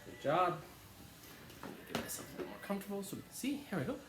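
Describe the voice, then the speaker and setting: A man's voice: high-pitched, big pitch swings, quick pace. Man reading a picture book aloud. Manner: friendly, chatty asides to children. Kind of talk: children's read-aloud. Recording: echoey room with background music.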